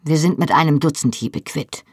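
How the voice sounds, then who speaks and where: A reader voicing a young Scottish husband who talks bluntly, sternly and mockingly. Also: male voice, fairly high pitch, moderate pace, slightly rough, no room sound, clean studio sound.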